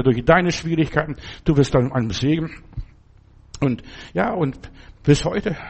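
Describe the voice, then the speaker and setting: Husky-voiced man preaching informally. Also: a little high, darkish tone. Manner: conversational, keeps asking "verstehst du?"; addresses the listener directly as a friend. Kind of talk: informal sermon with personal stories.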